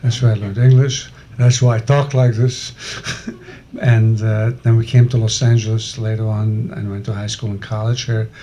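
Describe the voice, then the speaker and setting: A man's voice: on the low side, flat delivery, normal speed, mellow, slight background noise. An older man from Hungary with a Brooklyn accent, hosting the event as a foundation founder and making casual, chatty, self-deprecating introductory remarks.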